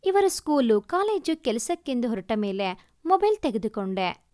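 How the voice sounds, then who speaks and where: A woman reading a romance story aloud as an expressive, emotional first-person narration. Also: a little high, normal speed.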